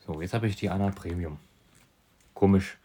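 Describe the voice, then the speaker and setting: Deep husky man explaining software. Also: moderate pace. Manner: relaxed explaining with fillers. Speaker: tutorial presenter. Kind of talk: casual screen recording tutorial.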